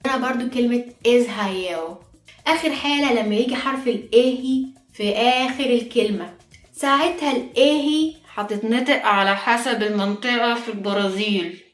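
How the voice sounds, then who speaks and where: A woman with an Egyptian Arabic accent, patiently teaching pronunciation step by step, repeating each example word aloud. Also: on the high side. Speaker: Portuguese teacher. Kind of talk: online language lesson. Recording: echoey room with faint music.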